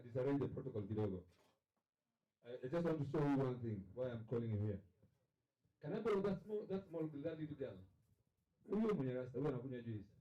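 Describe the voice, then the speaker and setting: A man with a Kenyan accent giving a jovial, playful party speech as an uncle, jumping into excited highs. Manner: jovial, code-switching, rises to excited highs. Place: party venue. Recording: dull, echoey hall sound.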